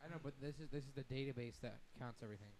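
A man's voice: medium pitch, very fast, darkish tone. A teenage boy co-hosting a podcast, matter-of-fact as he talks about his gaming. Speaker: podcast co-host. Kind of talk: casual chat.

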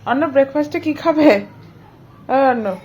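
A woman's voice: high voice, fairly quick, a little mellow, lo-fi sound, slight background noise. A woman with a Bengali accent, a mother vlogging at home and coaxing her small child in a sing-song voice. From India. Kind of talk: casual home vlog talk to a toddler.

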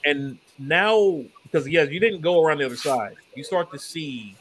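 A man's voice: a little high, animated, moderate pace, fairly bright tone, a little hiss or hum, rough recording. A man narrating as the game master of a tabletop game, in a laid-back, loose storytelling way. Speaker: dungeon master.

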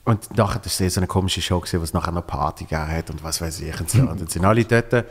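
A man with a Swiss German accent, a comedian guest in casual chat, telling lively anecdotes and acting out the voices of the people in them. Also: low-pitched, racing, husky, in a large hall. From Switzerland. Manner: lively storyteller, acts out quoted voices.

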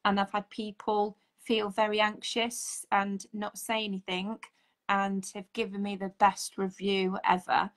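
Gravelly woman in her forties on a call. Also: medium pitch, monotone, measured pace. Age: 40s. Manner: chatty, earnest, talks up her work. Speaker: holistic therapist guest. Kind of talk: casual video-call chat. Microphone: video call, audio only.

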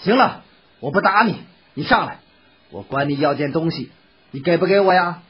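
A swaggering rich bully talks in a gruff, husky, lowered voice, as a storyteller puts him on. He blusters and makes demands. The recording sounds dull and lo-fi. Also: lively intonation, moderate pace. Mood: coaxing. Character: bullying wealthy man, swaggering and harsh.

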